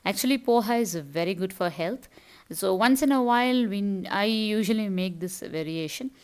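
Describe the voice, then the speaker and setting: A woman's voice: mid-range voice, lively intonation, normal speed, clean tone. A middle-aged woman from South India with a Tamil accent, casually narrating her cooking and chores step by step as a home vlogger. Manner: explanatory, step-by-step.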